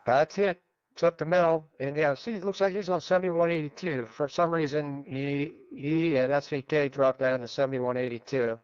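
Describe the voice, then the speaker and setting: Net control operator heard over the radio: a man with a clear, smooth voice, rambling and easygoing, through a dry, muffled link. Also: on the high side, steady tone, moderate pace, no room sound. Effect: heard over a ham radio transmission. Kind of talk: running an amateur radio net. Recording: dull, lo-fi radio audio.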